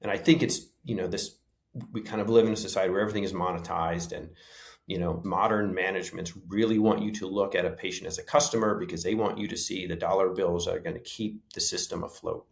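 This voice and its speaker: A man with a low, gravelly voice, speaking earnestly and reflectively as an interview guest. He often circles back and restarts his sentences with "you know." His voice carries a noticeable echo, as if he were in a resonant room. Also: steady tone, quick pace. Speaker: interview guest, former paramedic. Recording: roomy echo.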